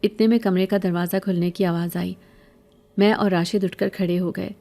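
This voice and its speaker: A woman telling a scripted horror story in steady, even narration. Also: fairly low pitch, vocal fry.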